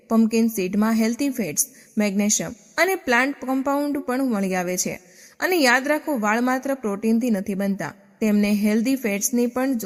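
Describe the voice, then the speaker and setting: A woman's voice: fairly high pitch, big-room sound. A woman narrating a scripted health explainer, asking rhetorical questions and then answering them. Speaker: health channel presenter.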